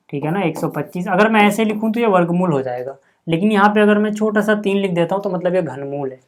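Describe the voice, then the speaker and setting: A man teaching a maths lesson in a casual classroom way, explaining step by step and often checking in with the students. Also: sits high. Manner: chatty, repeats "ठीक है", calls viewers "भाई" and "यार".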